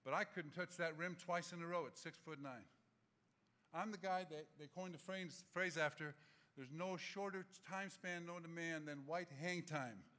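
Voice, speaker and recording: A man in his sixties giving an animated, humorous acceptance speech from a podium microphone in a large auditorium. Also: fairly high pitch, normal speed. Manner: animated, gesturing, humorous anecdotes.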